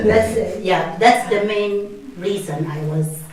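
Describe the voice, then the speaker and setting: Slow, halting woman from the Philippines. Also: medium pitch, crowd noise. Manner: hesitant, halting, with laughs. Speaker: carer, former nurse. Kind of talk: interview, personal story. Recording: echoey room from far off.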